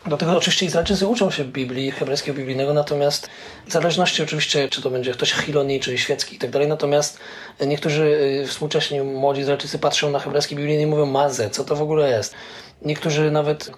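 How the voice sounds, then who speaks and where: Man explaining at length, halting fillers. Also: on the high side, steady tone. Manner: hesitant, many filler "e" pauses. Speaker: interviewee, Hebrew scholar. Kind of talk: conversational explanation.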